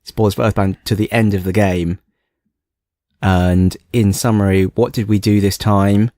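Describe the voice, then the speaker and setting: A man's voice: on the low side, level tone, normal speed, mellow, no echo, clean studio sound. A young man co-hosting a podcast in casual chat, playful and self-mocking with a snarky streak. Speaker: podcast co-host.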